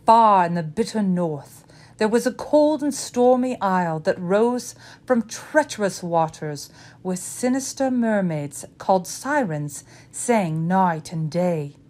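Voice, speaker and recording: A woman's voice: medium pitch, lively intonation, takes it slowly, a little mellow. A woman reading a storybook tale aloud in a dramatic, old-fashioned telling.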